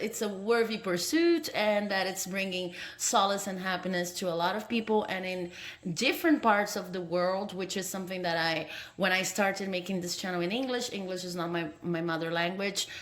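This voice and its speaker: Speaking in a medium-pitched, fairly bright voice, a tarot reader from Brazil talks casually to her viewers on camera with a Brazilian Portuguese accent. She was recorded indoors on a phone, and her friendly manner includes laughter between phrases and a habit of ending sentences with "okay?"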